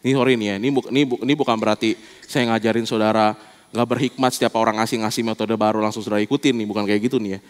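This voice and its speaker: A male pastor giving a sermon in an animated, casual storytelling way. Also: fairly low pitch, racing, in a large hall. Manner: animated, colloquial storytelling preaching.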